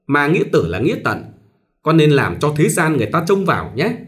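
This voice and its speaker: A man's voice: a little high, sing-song, normal speed, voice pushed up. Man putting on a bossy old mother-in-law. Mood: drowsy lecturing. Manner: scolding, bossy and pushy. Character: fussy old mother-in-law, domineering and superstitious.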